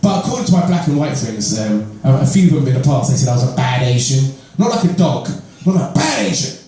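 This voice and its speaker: A man's voice: medium pitch, sing-song, fast, dark tone. A man with a London accent performing a conversational stand-up set, often laughing at his own jokes. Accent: London English. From London, England. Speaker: stand-up comedian. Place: comedy club stage. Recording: far from mic, roomy echo, faint club ambience.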